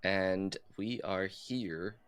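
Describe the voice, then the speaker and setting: A man's voice: deep voice, drawn-out words, fairly bright tone, smooth. Joking man co-hosting a casual chat. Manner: joking, teasing, laughs easily. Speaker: podcast co-host.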